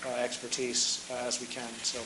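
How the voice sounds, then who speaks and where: A man in his forties giving a public comment at a meeting podium, speaking haltingly with many fillers and restarts. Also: medium pitch, monotone, reverberant, background noise. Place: large meeting room, indoors. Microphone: podium mic.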